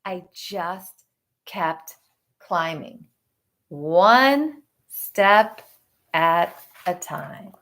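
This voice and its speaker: With a lowish, animated voice and a fairly bright tone, a woman reads a picture book to kids. Her reading is expressive and full of dramatic pauses, punctuated by teacher-style asides.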